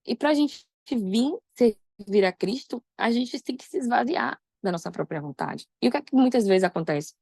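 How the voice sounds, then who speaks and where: A woman's voice: fairly high pitch, moderate pace, creaky, no room sound, studio quality. A Brazilian woman preaching a live sermon, telling personal stories and quoting the dialogue in her own voice. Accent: Brazilian Portuguese. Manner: animated, personal storytelling with quoted dialogue.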